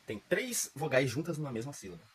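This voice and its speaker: A man's voice: mid-range voice, sing-song, fairly quick, breathy edge, rough recording. A man from Brazil, giving a casual grammar lesson, chatty and informal, often checking in with the listener. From southern Brazil. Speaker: teacher.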